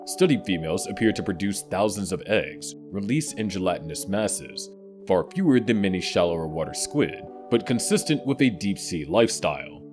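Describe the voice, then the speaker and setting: A man with a fairly deep voice narrates in the manner of a nature documentary. His scripted delivery is dramatic and measured, with very varied intonation. Music plays clearly behind him. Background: music bed.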